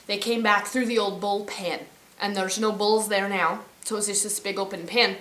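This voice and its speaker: A woman's voice: medium pitch, fairly even intonation, moderate pace, fairly bright tone, reverberant. A woman vlogging from her ranch, telling a story casually and rambling, often correcting herself. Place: outdoors on a ranch.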